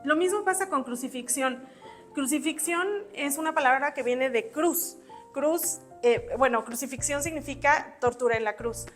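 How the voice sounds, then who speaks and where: Woman, high voice, spelling teacher, patient step-by-step explanations, faint music behind. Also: moderate pace. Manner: writes on a board while talking. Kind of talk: exam-prep grammar lesson.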